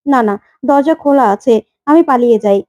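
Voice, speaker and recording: A woman's voice: high-pitched, fairly quick, a little mellow, no echo, natural voice. A woman voicing a frightened but loyal young woman trying to escape captivity, speaking urgently. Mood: anxious. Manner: anxious, urgent.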